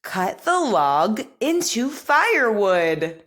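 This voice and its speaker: A woman leading an articulation drill as a speech teacher, over-enunciating practice sentences in a careful, deliberate, encouraging manner. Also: medium pitch, sing-song, a bit bright.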